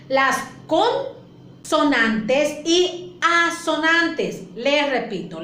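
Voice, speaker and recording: A woman teacher talks through a lesson at an unhurried pace, her high voice rising and falling a lot. She repeats herself and checks in with questions. The recording is echoey with faint ambience behind her. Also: fairly bright tone, slight background noise. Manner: patient, repeats points and asks the class questions. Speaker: primary school teacher. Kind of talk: classroom lesson explanation.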